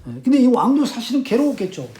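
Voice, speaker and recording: A man teaches a literature class and retells a play's plot as an animated story. His voice sits high and swings widely. His tone is mellow and warm. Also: fast. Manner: animated storytelling, acts out quotes.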